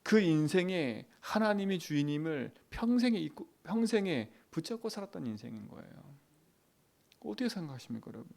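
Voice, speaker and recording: A man preaching a dawn prayer sermon as pastor, asking the congregation questions, swinging from loud emphatic lines to quiet asides. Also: on the high side, sing-song, brisk, creaky.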